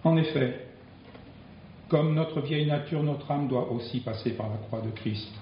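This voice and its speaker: A man preaching a sermon in slow, deliberate phrases with long pauses. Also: medium pitch, echoey room, dull audio, a little hiss or hum.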